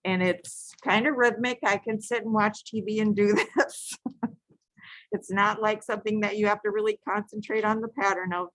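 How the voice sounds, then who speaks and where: A woman's voice: medium pitch, fairly even intonation, normal speed, fairly bright tone, no echo, low-quality recording. A woman teaching a beading stitch live, giving patient, repetitive step-by-step instructions and sometimes correcting herself. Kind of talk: step-by-step craft tutorial.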